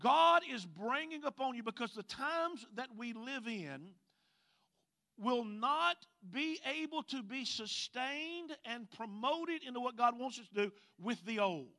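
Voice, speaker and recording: Here a Mississippi-accented preacher from the Southern US draws out scripture emphatically and asks the congregation to respond. The male voice is very high, pushed and bright, with lively intonation.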